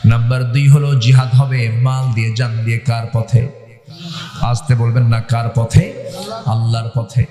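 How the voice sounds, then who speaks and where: A man's voice: medium pitch, flat delivery, a little slow, dark tone, soft background music. A man preaching a sermon, calling out to his audience for responses and telling humorous stories. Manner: call-and-response with the audience, dramatic rising exclamations; humorous storytelling. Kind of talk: Islamic sermon at an evening gathering. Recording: echoey PA sound with long reverb.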